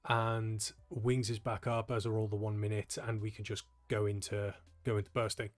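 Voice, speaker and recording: A young man, a gaming channel host, casually talking through a gameplay guide in a relaxed, explanatory way, sounding tired and yawning. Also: on the low side, normal speed, faint music behind. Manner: relaxed, explanatory, frequent ums.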